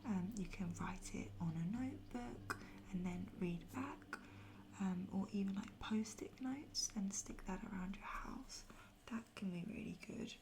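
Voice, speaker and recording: A woman softly whispering an ASMR guided pep talk of affirmations in a gentle, reassuring, unhurried and breathy way. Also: mid-range voice, noisy background. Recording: music behind the voice. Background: music.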